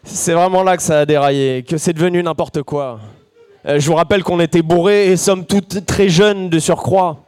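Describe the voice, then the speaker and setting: A man's voice: on the high side, fairly even intonation, moderate pace, a little mellow, clear, resonant tone, faint music behind. A man performing a bawdy, self-mocking comic story in rhyme in front of a live audience.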